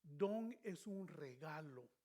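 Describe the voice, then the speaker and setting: A man with a notably high voice teaches a Bible study the way a preacher delivers a sermon. He hammers key words loudly, then sinks into hushed asides, and slips English phrases into his speech. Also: lively intonation, takes it slowly. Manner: emphatic, swings between loud stresses and quiet asides; drops short English phrases into his Spanish.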